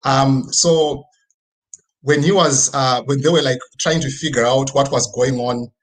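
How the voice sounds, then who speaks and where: This husky-voiced guest speaker, a Zimbabwean man from the rural Midlands, delivers a personal motivational presentation online while sharing his screen. His mid-range voice holds a steady tone at a slightly slow pace, though the audio is poor. He talks conversationally, frequently tossing in tag questions to get listeners to agree.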